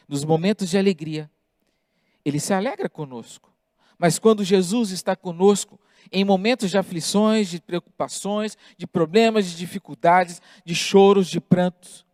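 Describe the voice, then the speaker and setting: A male pastor delivers a sermon at an unhurried, measured pace, leaning on emphatic pauses. The sound is dry and close, with little room echo. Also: high-pitched, a little mellow. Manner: deliberate preaching with emphatic pauses.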